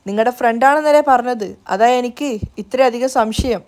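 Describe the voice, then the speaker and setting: Woman voicing a sharp, sarcastic young woman, high-pitched. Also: moderate pace, natural voice. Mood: indignant. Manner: indignant, sarcastic. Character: angry young woman, sharp-tongued niece.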